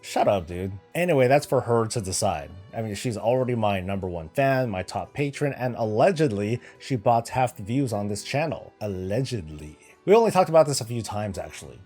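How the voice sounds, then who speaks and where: Hosting a gaming channel, a Northern California man raised in the US with Filipino heritage fields viewer questions casually, candid and joking with sarcastic asides. His voice is mid-range with a dark tone.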